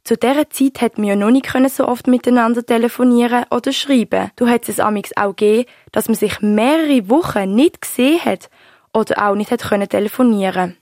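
A woman's voice: on the high side, brisk, no room sound, studio quality, lightly acted. A woman playing an older Swiss grandmother who fondly tells her grandchild how she met her husband, speaking with a Swiss German accent. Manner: warm, storytelling, fond reminiscing. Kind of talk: radio-play storytelling.

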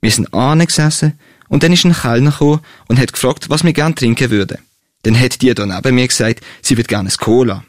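A man's voice: medium pitch, a little fast, no room sound, studio quality. Young Swiss German man reading a story. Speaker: student author. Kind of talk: reading his own story aloud.

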